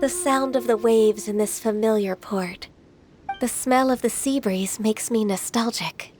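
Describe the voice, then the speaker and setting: A woman voicing a gentle, dutiful, reserved half-spirit maiden in a game, polite and soft-spoken. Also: a little high, unhurried, slight background noise, close to an everyday voice.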